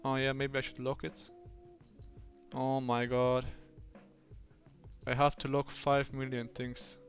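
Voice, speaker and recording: A man livestreaming his design work in a fake British accent, rambling playfully to himself and his software. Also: medium pitch, completely flat delivery, slow pace, soft background music. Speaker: streamer. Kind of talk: livestream self-talk while doing design work.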